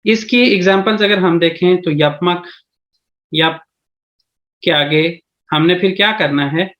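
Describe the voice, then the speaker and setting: A man's voice: sits high, normal speed, fairly bright tone. A man with a Pakistani Urdu accent teaching a language lesson over a video call, explaining step by step and often checking in with his listeners. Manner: explains step by step, repeats "theek hai ji".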